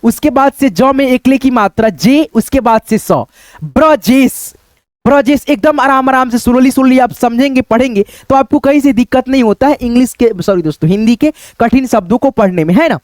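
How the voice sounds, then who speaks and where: A man teaching how to read difficult Hindi words, sounding out each syllable slowly and repeating words, often checking in with his viewers. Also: extremely high pitch, darkish tone, no echo. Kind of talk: step-by-step spelling lesson.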